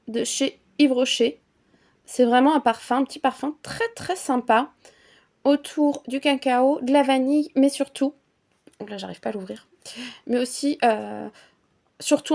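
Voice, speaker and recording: A woman's voice: sits high, gravelly, a little mellow. A woman vlogging about perfumes in a casual, chatty way, with many fillers and restarts. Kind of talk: casual chat.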